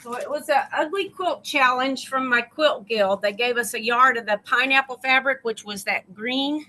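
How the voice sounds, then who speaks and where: A woman's voice: high voice, normal speed, sharp tone, low-quality recording. A woman from a quilt guild on a video call, giving an upbeat show-and-tell of her quilting. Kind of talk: casual chat.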